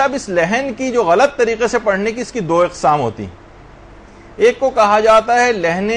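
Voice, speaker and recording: A man with a fairly high voice teaches a class on correct prayer recitation. He explains each point patiently and carefully sounds out example words. Faint noise hums behind him. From Pakistan. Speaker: religious teacher.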